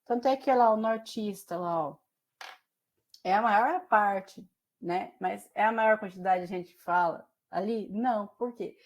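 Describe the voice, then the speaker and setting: A woman's voice: medium pitch, a little slow. A woman teacher from Mato Grosso do Sul with a Brazilian Portuguese accent tinged by São Paulo caipira speech, giving a chatty class lecture full of fillers and questions to her students. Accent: Brazilian Portuguese with São Paulo caipira influence.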